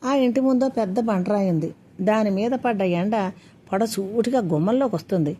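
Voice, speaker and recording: A woman storyteller reading a story aloud in a steady, measured way. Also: medium pitch, a little hiss or hum. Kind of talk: scripted story narration.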